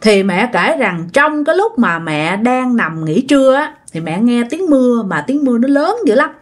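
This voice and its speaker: A woman hosts a ghost-story channel, telling each tale in a casual, chatty way. Her voice sits fairly high, and she keeps turning to her listeners directly. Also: sing-song, moderate pace.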